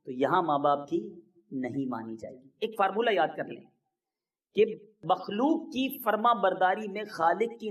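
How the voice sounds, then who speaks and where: A man's voice: high voice, a bit bright. A man delivering an impassioned, emphatic sermon as a preacher, his voice rising sharply on key points.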